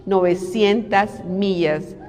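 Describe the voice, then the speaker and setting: A middle-aged woman preaching a devotional with animated, conversational energy, asking her listeners one rhetorical question after another. Her mid-pitched voice rings out with a long hall reverb trailing behind it. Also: takes it slowly. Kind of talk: devotional sermon.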